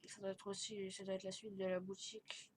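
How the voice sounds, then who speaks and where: A woman gives a casual, rambling tour of a game in a medium-pitched voice. Her speech is impeded and tight-mouthed from dental elastics, with slurred S sounds. The recording has some background noise. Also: flat delivery, brisk. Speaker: host of a gaming video channel. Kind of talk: casual chat commentary touring a game. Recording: noisy home recording with clicking.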